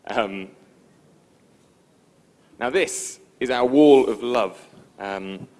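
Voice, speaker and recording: A man giving a conference presentation in a relaxed, informal, self-deprecating way, with frequent ums. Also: medium pitch, extremely slow. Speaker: conference speaker. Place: conference stage before an audience.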